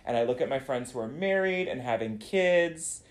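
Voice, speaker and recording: A man's voice: a little high, animated, normal speed, vocal fry. A man co-hosting a podcast, talking earnestly and reflectively in casual chat, often searching for words. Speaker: podcast co-host.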